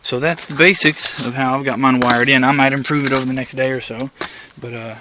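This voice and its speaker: Heavy noise surrounds a man holding a camera inside his car, giving a rambling, down-to-earth tour of his setup. He keeps a steady, medium-pitched tone at a fairly quick pace, saying "uh" a lot.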